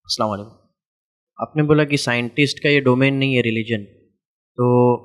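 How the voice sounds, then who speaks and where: Flat-voiced man asking a polite question. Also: mid-range voice. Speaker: audience member asking a question.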